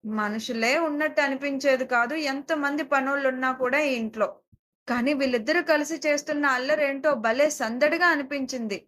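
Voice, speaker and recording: A woman's voice: high voice, moderate pace, fairly bright tone. A woman narrating an audio story in an emotive, scripted storytelling manner.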